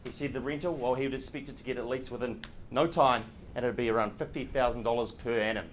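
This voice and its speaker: A man's voice: medium pitch, fairly even intonation, quick pace. A man speaking as an auctioneer, in polished, courteous, formal auction patter. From New Zealand. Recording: clear background room noise.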